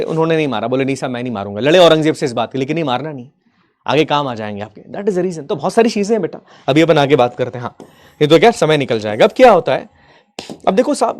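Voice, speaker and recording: A man teaching history as a story in a casual, affectionate way. He acts out the figures' lines in quick asides and keeps asking his students whether they have understood. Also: a little high. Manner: keeps checking if students follow, affectionate, addresses them as kids.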